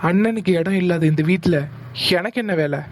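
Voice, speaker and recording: A man's voice: high voice, fairly quick, darkish tone, a little hiss or hum, natural voice. A man voicing a defiant young brother. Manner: resentful, defiant.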